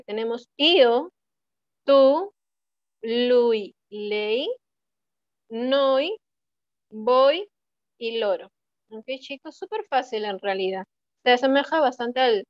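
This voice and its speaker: A woman's voice: a little high, dry recording. A woman with a Peruvian Spanish accent teaching an online Italian class, patiently repeating words and checking that students follow. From Peru. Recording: dull, dry online-class audio.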